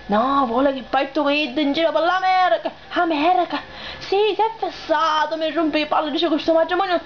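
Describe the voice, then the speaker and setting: Someone doing a lovesick cartoon critter w/ sicilian accent, really high voice, begging, muffled noisy fan dub. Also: normal speed, lightly acted. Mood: whiny. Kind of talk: amateur comedic cartoon dub. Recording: muffled, lo-fi dub with clear noise.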